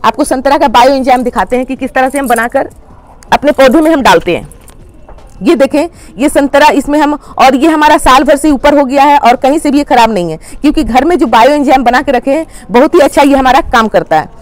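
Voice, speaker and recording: A woman hosting a gardening channel, calmly explaining plant care step by step and addressing viewers as friends. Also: high-pitched, brisk, no echo. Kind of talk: instructional how-to talk.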